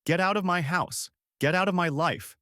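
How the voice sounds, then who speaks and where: A man's voice: mid-range voice, big pitch swings, a little fast, a bit bright, no echo, clean studio sound. A man playing a wealthy son who coldly banishes his scheming mother, in a storybook reading. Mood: furious. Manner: cold, commanding, angry.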